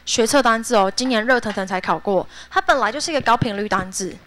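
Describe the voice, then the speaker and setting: A high-pitched woman runs a high school English vocabulary class, her voice bright and forceful. She chats playfully with her students, laughs often and drills each word aloud. It sounds like a classroom lesson. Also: fast talker.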